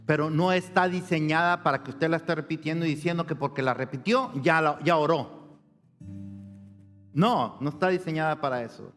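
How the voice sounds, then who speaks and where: A man, a pastor preaching a sermon, asking questions of the congregation, rising high and loud for emphasis and dropping low and quiet. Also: moderate pace. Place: church sanctuary. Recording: long church reverb with soft guitar.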